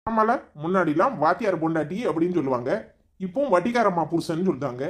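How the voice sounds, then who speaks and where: A man's voice: high-pitched, animated. A man voicing a weary, resigned middle-aged father. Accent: Tirunelveli Tamil. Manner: sighing, resigned, slow.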